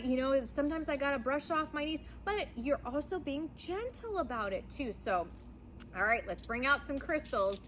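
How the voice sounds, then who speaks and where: High-voiced enthusiastic woman card reader. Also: a little hiss or hum. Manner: enthusiastic, chatty, gets loud and rowdy. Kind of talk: pick-a-pile card reading.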